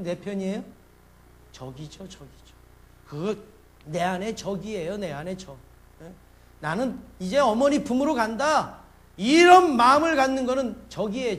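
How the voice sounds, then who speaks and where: A man preaching a Sunday sermon in a fairly high voice. He keeps putting questions to his listeners and acts out the scenes of his story, dropping to a hush and then rising loud. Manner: asks the congregation questions and acts out a story with big swings in loudness. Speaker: pastor.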